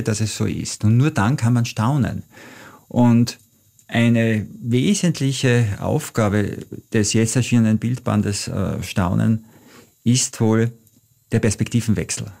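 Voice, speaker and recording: Gravelly middle-aged man. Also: fairly low pitch, mellow. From Austria. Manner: thoughtful, anecdotal, frequent "äh" fillers. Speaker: travel author, interview guest. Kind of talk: reflective storytelling.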